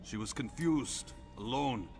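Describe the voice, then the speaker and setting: A man's voice: medium pitch, animated, slow pace, creaky, darkish tone. An actor playing a friendly, effusive male hunter who welcomes a newcomer like a big brother, in video game dialogue. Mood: storytelling. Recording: game audio with faint music.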